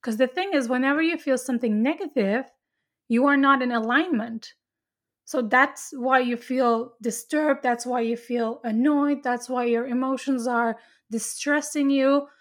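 A woman's voice: sits high, unhurried. Earnest woman explaining spiritual ideas. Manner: earnest, explaining at length with many restarts. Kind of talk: casual spiritual chat.

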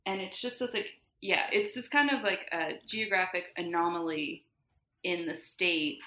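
A woman's voice: lowish voice, measured pace, bright, forceful tone. A woman from New Jersey, a podcast guest, explaining eagerly in casual chat and leaning on "like" fillers. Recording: roomy echo.

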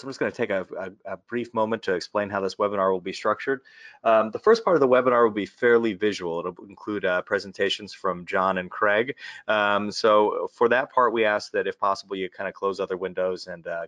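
Low-pitched man hosting, slightly dull audio. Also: fairly bright tone, dry recording. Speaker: webinar host. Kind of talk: informal webinar hosting.

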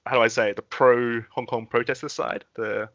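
A man's voice: medium pitch, little pitch movement, brisk, a bit bright, dry recording, highs cut off. A man co-hosting a podcast, chatting casually with lots of fillers and restarts. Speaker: podcast co-host. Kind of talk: casual chat.

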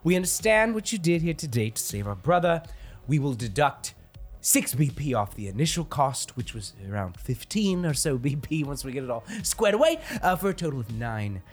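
A man narrating a tabletop game as game master, animated and swearing freely. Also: fairly high pitch, normal speed, faint music behind.

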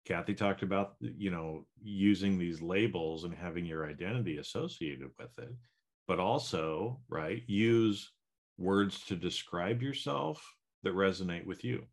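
A man's voice: deep voice, measured pace. A middle-aged man co-hosting a podcast, talking in a loose, rambling way with lots of fillers and restarts. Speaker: podcast co-host. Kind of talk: casual chat.

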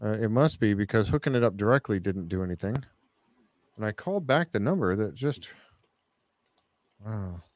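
A man's voice: lowish voice, animated, normal speed, long pauses, a little mellow, no echo. A man hosting a casual radio chat, easygoing and chuckling while fiddling with his equipment. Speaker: radio show host.

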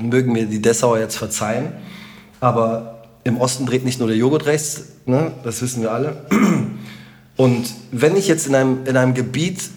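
A middle-aged man with a Rhineland German accent, a comedian chatting as a podcast guest in an animated, joking and emphatic way. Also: medium pitch. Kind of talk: casual podcast conversation.

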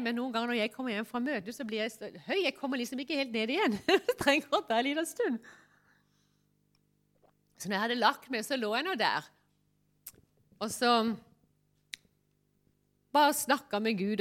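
Soft-spoken woman preaching a sermon. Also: medium pitch. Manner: intimate, drops to a soft near-whisper. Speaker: pastor. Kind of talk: sermon with personal testimony. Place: church.

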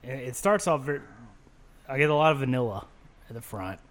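A man chatting as a podcast guest, rambling freely and trailing off softly at times. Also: medium pitch, big pitch swings, fairly quick. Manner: chatty, self-described ranter, often soft and mumbled. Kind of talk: casual chat.

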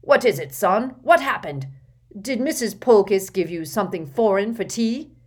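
A woman voicing a blustering, bad-tempered middle-aged uncle who talks loud and gruff. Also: medium pitch, lively intonation, normal speed, pitched above the performer's own voice.

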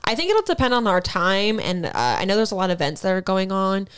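A woman co-hosts a casual adult podcast, frank and quick to laugh. Her pitch swings widely as she talks. She sits close to a dry microphone. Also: animated, clear, resonant tone, no echo. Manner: laughs often, frank and bubbly. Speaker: podcast co-host. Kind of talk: casual explicit chat.

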